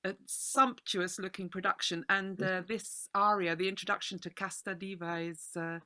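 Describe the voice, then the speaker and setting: A woman hosting an interview, chatty and halting with frequent restarts, on a video call. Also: mid-range voice, flat delivery, bright, forceful tone. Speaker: interviewer host. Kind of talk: casual interview chat.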